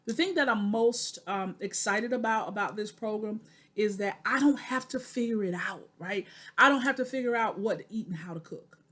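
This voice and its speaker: A woman's voice: mid-range voice, moderate pace, fairly bright tone. A woman in her forties recording a personal video diary, talking to viewers in an earnest, preacherly way and repeating phrases for emphasis. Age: 40s. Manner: addresses viewers directly as "y'all". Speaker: vlogger.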